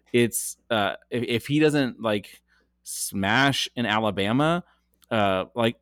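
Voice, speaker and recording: A man's voice: mid-range voice, no echo, studio quality. A man co-hosting a podcast, chatting casually about football with frequent ums and restarts. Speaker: podcast co-host. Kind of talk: casual sports chat.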